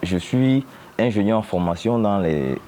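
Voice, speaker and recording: Homme camerounais à voix très grave. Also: male voice, on the low side, expressive, mellow, a little hiss or hum. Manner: halting, hesitant. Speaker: engineering trainee. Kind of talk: self-introduction to camera.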